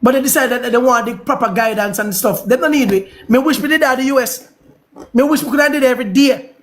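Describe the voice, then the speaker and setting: A man's voice: extremely high pitch, quick pace. Heated Jamaican man ranting on stream. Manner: preachy, repetitive, heated. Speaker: livestream host. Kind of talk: ranting livestream monologue.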